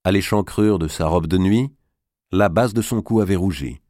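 A man reading a historical novel aloud as narrator, in a measured, dramatic storytelling manner. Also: sits low, darkish tone, dry recording, clean studio sound.

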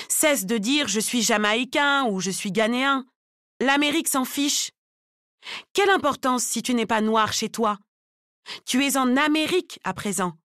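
A woman narrating a novel aloud in a measured, steady, lightly ironic way. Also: a little high, no echo, studio quality. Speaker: audiobook narrator.

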